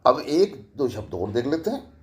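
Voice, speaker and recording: A man's voice: medium pitch, very animated, moderate pace. A middle-aged man teaching a grammar lesson as a college teacher, repeating each example and asking questions as he goes. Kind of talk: grammar lecture.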